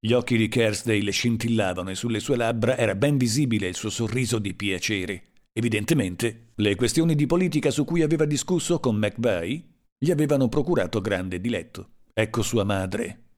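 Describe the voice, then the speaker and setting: A man reading a literary story aloud in a slow, dramatic and measured way. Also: medium pitch, a little mellow. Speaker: audiobook narrator. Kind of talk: scripted literary narration.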